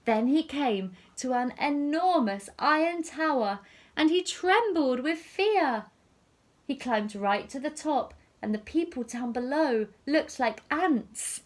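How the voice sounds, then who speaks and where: Her pitch is high as this woman, a teacher, reads a picture story to young kids. She narrates in a deliberate, expressive storytelling style.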